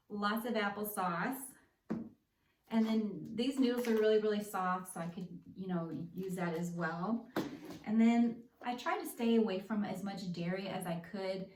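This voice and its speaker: A woman's voice: medium pitch, a little mellow, slight background noise. A woman talking casually in a vlog, explaining practical tips step by step in a conversational way. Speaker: vlogger sharing personal experience. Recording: echoey room, distant microphone.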